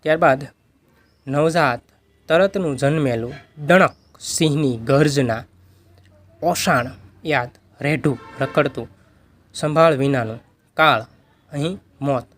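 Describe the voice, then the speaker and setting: A man, working as a tutor, reading vocabulary words and their meanings aloud in a steady list. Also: fairly high pitch, slow, pauses often.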